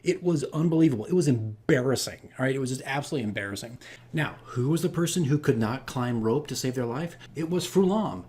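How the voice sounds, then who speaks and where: Animated and quick, with a darkish tone at medium pitch, a man narrates his campaign diary in a relaxed vlog. As host and dungeon master, he tells stories ramblingly, self-deprecates, and leans on repeated phrases for emphasis.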